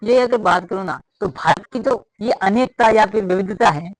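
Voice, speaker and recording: High-voiced male teacher. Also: normal speed, slight background noise, poor audio. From Rajasthan. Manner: repetitive, explains with many fillers. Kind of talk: casual classroom lecture. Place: room with a blackboard.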